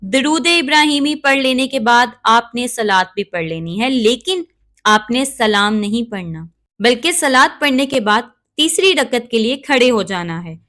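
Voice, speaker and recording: A woman giving calm, measured step-by-step prayer instruction and reciting Arabic prayers along the way. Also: fairly high pitch. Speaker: religious instructor.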